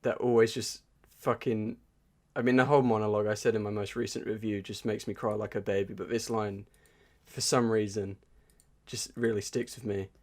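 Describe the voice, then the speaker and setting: Male co-host, low-pitched, earnest and relaxed, swears in passing. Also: moderate pace. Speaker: podcast co-host. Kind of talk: casual chat.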